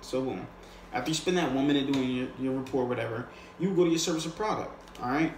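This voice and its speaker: Recorded in an echoey room with faint noise, a man with a mid-range voice talks fast as he gives casual, unscripted sales coaching. His style is conversational and slangy, and he checks in with the listener often.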